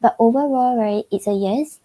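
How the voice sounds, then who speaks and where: With a fairly high, mellow voice at normal speed, a Singaporean tarot reader with a Singaporean English accent gives relaxed readings over a livestream. She rambles chattily, giggles a lot and keeps inserting "like".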